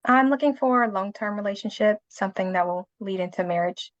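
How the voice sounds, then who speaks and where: A woman in her twenties with a mid-pitched voice, answering in a clear, direct way. Her audio is dry and a bit dull. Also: brisk, no echo. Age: 20s. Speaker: caller.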